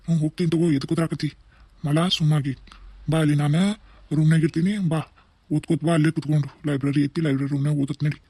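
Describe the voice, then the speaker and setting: A man voicing a mild, peacemaking father in a cartoon, talking in calming, fatherly North Karnataka Kannada. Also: fairly high pitch, fast, husky. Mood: soothing. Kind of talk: cartoon voice acting.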